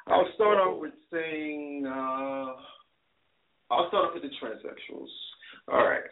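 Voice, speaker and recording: A man with a notably high voice heard over a thin, phone-like line. He runs a call-in talk show and vents in a rambling, profane rant full of fillers and restarts. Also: slow, vocal fry.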